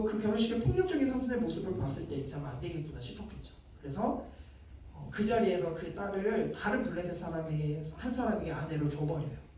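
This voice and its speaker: A man's voice: sits high, warm tone, a little hiss or hum. A male pastor preaching to a young adults group, chatting with the audience, putting questions to them and acting out the lines he quotes. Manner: conversational, quizzes the audience and acts out quoted lines. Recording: echoey room heard from a distance.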